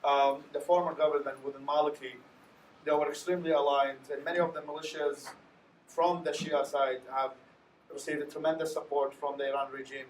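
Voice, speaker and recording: A man speaks as a panelist, earnest and winding, often restarting his sentences. His voice sits a little high, and the sound comes from a distant mic in a reverberant hall with a faint hiss underneath. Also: flat delivery, brisk. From Iraq. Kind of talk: panel discussion answer. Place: lecture hall.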